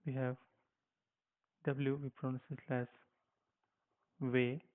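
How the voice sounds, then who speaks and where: A man's voice: medium pitch, fairly even intonation, normal speed. A man teaching a language lesson, patiently spelling out letters one at a time and saying how each one sounds. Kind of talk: slow spoken lesson with repetition. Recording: tinny phone-like sound.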